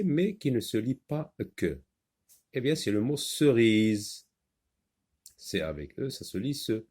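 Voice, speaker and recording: Very slow, lively French teacher man. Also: on the low side. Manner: slow, syllable-by-syllable, repeating words; pausing with "euh" while explaining. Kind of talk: primary-school French reading lesson.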